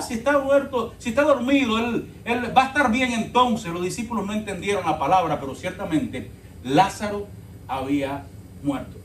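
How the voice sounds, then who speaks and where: A man's voice: sits high, a little hiss or hum. A man preaching a sermon as pastor, telling the story dramatically and calling the congregation brothers. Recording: echoey church from far off.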